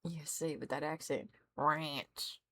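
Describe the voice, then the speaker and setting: A woman's voice: on the low side, brisk, background noise. A woman hosting a reaction video in casual chat, teasing and laughing often.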